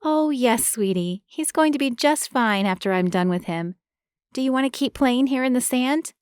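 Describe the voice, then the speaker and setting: Female narrator voicing a brisk, caring young woman, raised above her reading voice, dry booth. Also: fairly high pitch, lively intonation, no echo, pitched above the performer's own voice, lightly acted. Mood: gentle. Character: caring young woman, fussing, tender-hearted.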